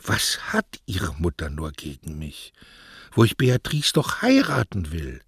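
A man's voice: lowish voice, animated, moderate pace, a bit bright, husky, no room sound, clean studio sound, voice pushed up, full character voice. A man voicing a young male postman who pleads earnestly and emotionally. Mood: lovesick.

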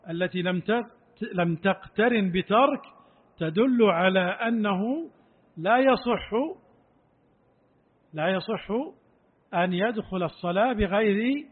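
A man with a high voice gives a religious lesson, going over each point and repeating key phrases for emphasis. He sounds out pronunciations as examples. The recording is thin and tinny, like a phone line. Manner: demonstrates pronunciations aloud. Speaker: sheikh teaching a text.

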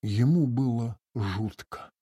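A man narrating a literary story in a measured, even manner. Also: mid-range voice, breathy edge, no room sound, studio quality. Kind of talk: scripted narration.

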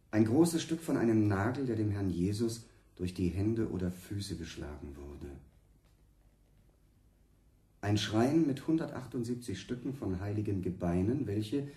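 In a radio play, a man with a lowish, mellow voice performs a solemn church official reciting an inventory with ceremonial deliberation. The sound is roomy and echoing, like inside a church.

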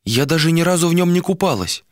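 A man's voice: fairly high pitch, lively intonation, quick pace, no echo, studio quality, voice pushed up, close to an everyday voice. A man doing a bold, curious young woman. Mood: dreamy. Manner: probing, persistent.

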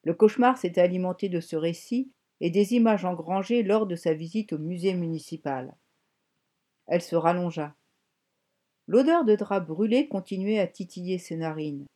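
Brief: female audiobook narrator, mellow timbre, measured and expressive. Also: on the low side. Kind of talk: scripted narration.

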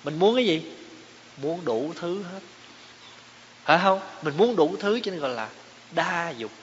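A man's voice: a little high, expressive, unhurried. A man giving a Buddhist dharma talk, explaining terms and asking his listeners rhetorical questions. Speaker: Buddhist teacher. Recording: echoey hall, dull lo-fi sound, faint hiss.

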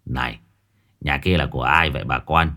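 A man voicing a grumpy middle-aged sorcerer who talks in a low, gruff mutter. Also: moderate pace, pushed and bright, heavily acted. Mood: wary.

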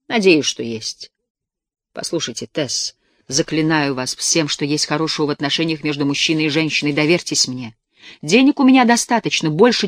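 A man reading the lines of an ingratiating, persuasive wealthy young gentleman in an audiobook. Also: on the high side, dry recording, clean studio sound.

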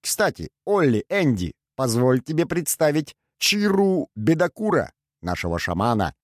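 A man's voice: on the high side, very animated, unhurried, no room sound, pitched above the performer's own voice. Man voicing a teasing cheerful astrologer, amused, raised voice, dry close sound. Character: mocking cheerful male astrologer.

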